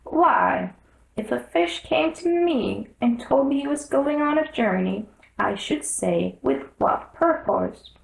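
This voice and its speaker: Woman doing a mopey touchy old turtle guy, storybook, reaaally slow n ponderous, roomy echo. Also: high-pitched, expressive, vocal fry, voice pushed up, exaggerated voice. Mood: matter-of-fact. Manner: ponderous, drawn-out, thoughtful. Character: mournful, easily offended old male turtle creature. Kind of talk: storybook character reading.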